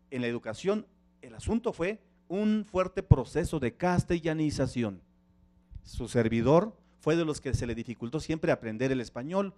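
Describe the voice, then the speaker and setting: A man's voice: fairly high pitch, warm tone. A middle-aged man whose first language is Tzeltal, giving a conference talk and drawing the audience in with questions. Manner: engaging, asks the audience questions. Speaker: panel speaker. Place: conference hall.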